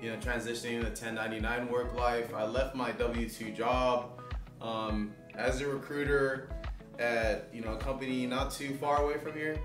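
Young man chatting in a roomy room. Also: mid-range voice. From raised in Los Angeles. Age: young adult. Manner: relaxed, rambling with fillers. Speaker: vlogger, aspiring fitness coach. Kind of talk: casual vlog chat. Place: living room indoors. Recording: roomy and distant with music.

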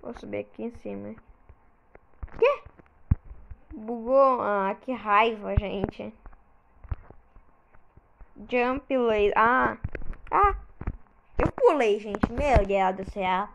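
High-voiced Brazilian woman, slow gamer chatter. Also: gravelly, background noise. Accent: Brazilian Portuguese. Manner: exclaims a lot, frequent frustrated outbursts. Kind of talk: casual gameplay commentary.

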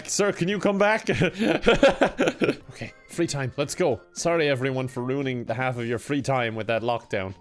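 A young Irish man gives game commentary with a running stream of jokes and laughter. He jumps into high, panicked yelps when things go wrong, and his voice sits at an average pitch. Faint game music plays underneath. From Ireland. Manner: excitable, jokey, laughs often, yelps in panic. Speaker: gaming YouTuber. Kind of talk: let's play commentary.

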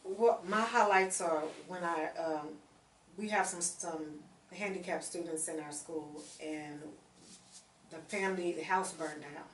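A woman's voice: fairly low pitch, fairly even intonation, measured pace, distant mic. A woman guest who runs a charity group, talking earnestly and with feeling about her work. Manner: earnest, emotional when telling stories. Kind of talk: casual interview chat. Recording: echoey room, voice off-mic, faint noise.

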